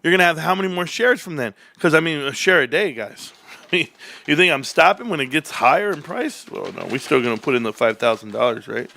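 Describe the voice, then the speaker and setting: A man in his forties hosting a casual stock livestream, calling his viewers "bros" and "guys". He jumps into high, hyped bursts, then drops to low muttering. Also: lively intonation, a little fast, vocal fry, pushed and bright, no room sound. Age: 40s.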